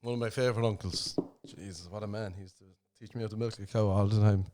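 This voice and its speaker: A man's voice: on the low side, fairly even intonation, fast, warm tone. A man hosting a comedy podcast in casual chat. He swears freely, laughs often and reads tweets aloud. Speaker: podcast host.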